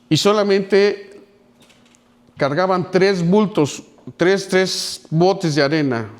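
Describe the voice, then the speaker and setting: A man preaching a sermon, telling a story with sudden drops to a hush and climbs to loud pleading. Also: on the high side. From Mexico. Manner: dramatic storytelling with wide swings from near whispers to loud pleading. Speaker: pastor.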